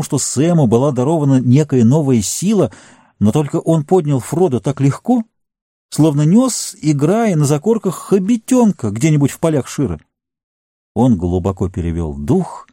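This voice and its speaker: A man reading a fantasy novel aloud as an audiobook narrator, measured and slowing on grim passages. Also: medium pitch, warm tone, no echo, studio quality.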